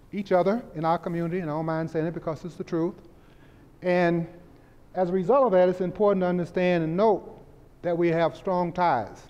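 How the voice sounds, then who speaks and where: A man's voice: sits high, darkish tone. An older man standing and presenting upcoming festival events in a forthright, earnest way in a community center room. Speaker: event organizer. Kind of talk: public presentation. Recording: dull echoey hall recording.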